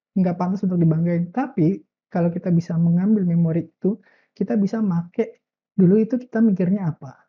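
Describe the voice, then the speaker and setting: A woman giving a relaxed, casual motivational talk, full of filler words and drawn-out "eee" hesitations. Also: fairly low pitch, lo-fi sound. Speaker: self-improvement speaker.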